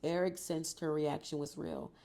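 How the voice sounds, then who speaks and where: A woman's voice: deep voice, very animated, moderate pace, mellow. A woman reading a novel aloud and breaking off for casual, profane reactions. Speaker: book reader and reactor.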